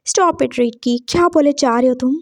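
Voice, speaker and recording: A woman's voice: sits high, moderate pace, no echo, clean studio sound. A woman voicing a young female student who scolds her boyfriend in a story reading. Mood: scolding.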